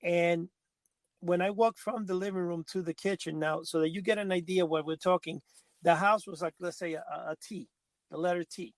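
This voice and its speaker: Gravelly-voiced man telling a rambling story. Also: high-pitched, steady tone, moderate pace, no room sound. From Cuba. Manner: rambling, self-correcting storyteller. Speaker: podcast co-host. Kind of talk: casual storytelling chat.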